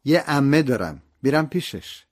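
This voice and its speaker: A man's voice: medium pitch, sing-song, faint music behind, voice pushed up, lightly acted. A man voicing a frantic young boy. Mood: anxious, pleading. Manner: tearful, urgent. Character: distressed young boy pleading with his mother.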